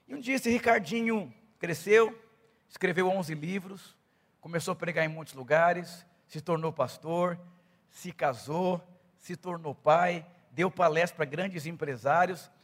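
A middle-aged man preaching a sermon as pastor, moving from calm storytelling to loud, fervent preaching. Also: on the high side, measured pace. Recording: echoey hall reverb.

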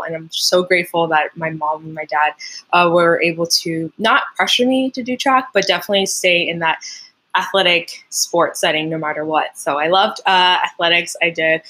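A young Canadian woman, a native French speaker and Olympic track athlete, tells stories as a guest in a casual interview. She sounds chatty and upbeat, with many fillers, and her voice is fairly low and a bit bright. The audio quality is poor.

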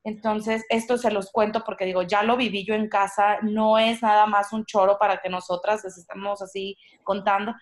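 A woman speaks in a relaxed podcast chat. Her voice sits in a middle pitch, and she talks earnestly, addressing parents head-on. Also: normal speed, hardly any pauses. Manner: earnest, warns parents directly. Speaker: podcast co-host.

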